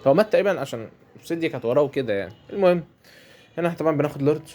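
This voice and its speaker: A man's voice: a little high, expressive, rapid-fire, darkish tone. A man with an Egyptian Arabic accent giving chatty commentary over a mobile game match, often repeating his phrases. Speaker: gameplay commentator.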